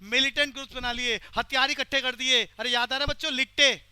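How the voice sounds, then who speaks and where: A male teacher lecturing a class and pressing the students for quick answers. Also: extremely high pitch, fairly even intonation, crowd noise.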